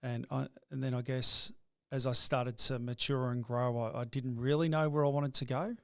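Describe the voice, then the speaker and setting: A middle-aged business owner tells his life story in a reflective interview, his medium-pitched, gravelly voice steady in tone, a bit bright, and smooth. He's halting, often stumbling and repeating words as he begins a thought. The studio-quality recording has no echo.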